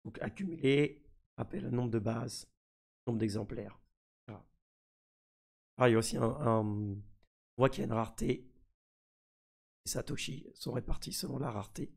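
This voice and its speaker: A man with a husky, gravelly voice, sick, giving casual live commentary as a mischievous streamer. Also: medium pitch, normal speed, pauses often, darkish tone. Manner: mischievous, trolling his community. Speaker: streamer presenting a crypto NFT project.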